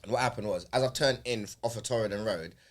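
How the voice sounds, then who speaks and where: A man's voice: lowish voice, quick pace. A man telling a story in casual, slangy chat. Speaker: podcast host.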